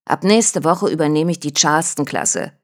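A woman's voice: sits low, moderate pace, natural voice. A woman voicing a cheerful, daring young man who talks in a breezy, boastful way.

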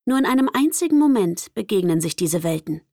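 Gravelly-voiced young woman narrator. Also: medium pitch, sing-song, a little fast, a little mellow, dry recording, clean studio sound. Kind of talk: first-person audiobook narration.

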